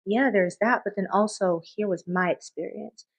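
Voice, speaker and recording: Brief: lively woman guest in casual chat, tells stories with plenty of laughter. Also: mid-range voice, moderate pace, gravelly, breathy edge, rough recording. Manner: animated, laughs often, expressive storytelling. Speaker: guest, medical professional. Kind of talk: casual podcast conversation.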